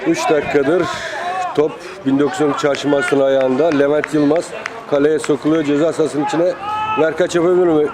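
A man's voice: on the high side, flat delivery, a little fast. A man giving live football play-by-play in clipped phrases, calling out player names. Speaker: football commentator. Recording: crowd noise, outdoor amateur match. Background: outdoor crowd.

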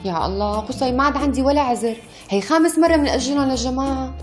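A woman's voice: high voice, racing, darkish tone, close to an everyday voice. A woman playing a chatty Syrian wife. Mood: insistent. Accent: Syrian Levantine Arabic. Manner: chatty, insistent. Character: chatty young wife, busy with social plans. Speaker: wife in a comedy sketch. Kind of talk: sketch acting. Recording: background music under dialogue.

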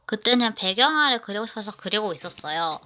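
A woman's voice: mid-range voice, expressive, fairly quick, pushed and bright. A woman narrating a personal story in the first person, rambling and often restarting her sentences.

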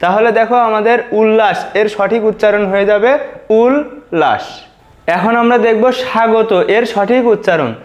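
A man's voice: sits high, fairly even intonation, brisk, few pauses, muffled recording. A man teaching a lesson, patiently repeating words and breaking them into syllables. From Bangladesh. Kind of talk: spoken exam-prep lesson.

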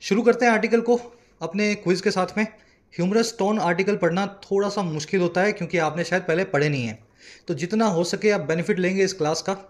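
A man teaching as an English tutor, lecturing a class on a newspaper article with energy and reading English lines slowly. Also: high voice. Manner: energetic teacher, explains words slowly, reads English aloud slowly.

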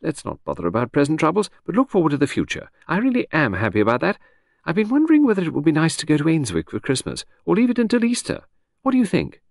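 A man's voice: fairly high pitch, huge pitch swings, fast, gravelly, no room sound, clean studio sound, pitched above the performer's own voice, heavily acted. A man voicing a flighty older aristocratic lady who chatters and rambles breezily. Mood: dreamy.

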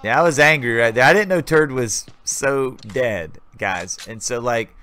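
Speaking unhurriedly, a gaming channel host with a mid-range, sharp-toned voice walks viewers through his gameplay. The voice-over is a casual, wandering play-by-play.

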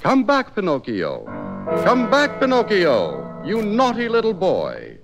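A man voicing a kindly, lonely old woodcarver in a children's story, gentle and fatherly. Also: mid-range voice, wildly swooping pitch, measured pace, over music. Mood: calling.

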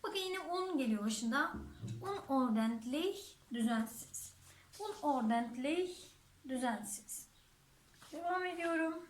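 A woman's voice: very high-pitched, lively intonation, unhurried. A woman teaching a vocabulary lesson, saying each word twice and then translating it. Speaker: German teacher. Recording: echoey room.

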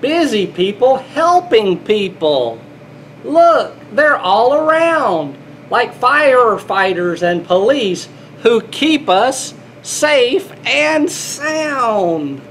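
In a small indoor airport control room, a middle-aged air traffic controller and grandfather reads a children's picture book aloud, playful and full of exclamations as if addressing small kids. His voice is extremely high with big pitch swings, extremely slow, a bit bright, with slight background noise.

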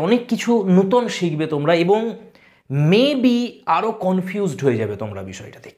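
Patient man teaching. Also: sits high. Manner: patient, explains step by step, sounds out words slowly. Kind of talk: explanatory lesson.

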